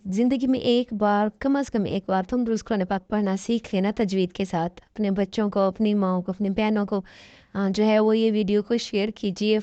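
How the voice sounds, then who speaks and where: A woman with an Urdu accent teaching tajweed online, spelling out letters slowly and then patiently explaining the reading rules. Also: medium pitch, mellow, dry recording, muffled recording. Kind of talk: online tajweed lesson, slow spelled-out recitation.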